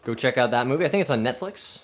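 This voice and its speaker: A man's voice: mid-range voice, lively intonation, fast. A man hosting a golf live stream, casually reading viewer comments aloud and answering them in an upbeat way.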